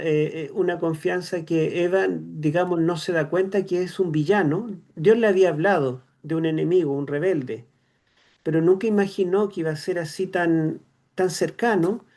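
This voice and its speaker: Gravelly-voiced Chilean man teaching. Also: high-pitched, mellow. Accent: Chilean Spanish. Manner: explains slowly, fills with "eh" and tag questions. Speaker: seminary teacher. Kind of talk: online theology lecture.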